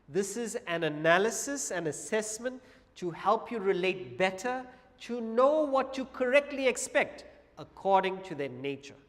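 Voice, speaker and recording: A man giving a public talk on Vedanta philosophy to an audience, measured and paced with pauses and humorous asides. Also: sits high, in a large hall.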